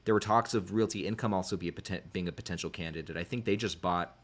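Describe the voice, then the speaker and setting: Meet an easygoing man hosting a laid-back podcast chat. His voice sits on the low side, and he thinks aloud as he shares his views. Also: fast. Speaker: podcast host.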